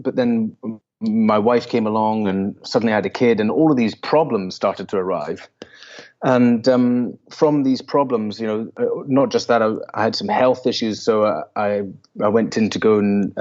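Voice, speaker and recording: A man's voice: on the low side, moderate pace, a little mellow, muffled recording. A man from the west coast of Scotland with a Scottish accent, telling his story conversationally as an interview guest. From island off the west coast of Scotland. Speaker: podcast guest, entrepreneur and broker.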